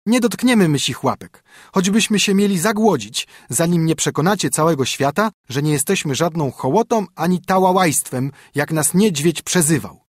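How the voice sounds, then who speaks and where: A man doing shrill outraged wren chicks. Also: lively intonation, normal speed, no echo, studio quality.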